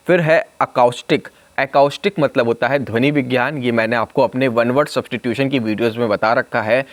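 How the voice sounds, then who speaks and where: Man spelling words out slowly. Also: medium pitch, dry recording. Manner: slow, spells words out letter by letter. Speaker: exam prep teacher. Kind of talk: spelling revision lesson.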